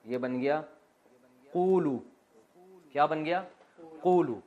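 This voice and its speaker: Higher-voiced man teaching scripture. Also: narrow, tinny audio. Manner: asks rhetorical questions and answers them himself; light joking asides. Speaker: Islamic scholar teaching Quran exegesis. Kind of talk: explanatory religious lesson. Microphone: recording while writing on a board.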